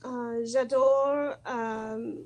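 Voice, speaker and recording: A native English speaker with an American accent, this woman is a French beginner doing halting conversation practice. Her slightly high, somewhat mellow voice holds a steady tone at an extremely slow pace, and she comes across as shy, nervous, and hesitant, groping for every word.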